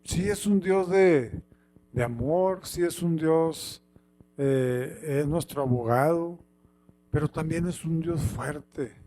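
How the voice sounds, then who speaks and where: A man reading Bible passages aloud and then preaching on them, with slow, halting delivery and many repeated words and fillers. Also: on the high side, warm tone.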